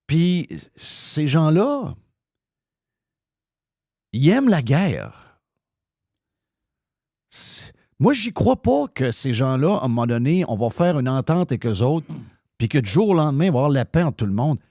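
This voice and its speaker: A man's voice: on the high side, very animated, unhurried, pauses often, warm tone, no echo, studio quality. A man with a Québécois accent, hosting live radio talk in a heated, ranting way, swearing freely. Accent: Québécois French. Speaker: radio show host.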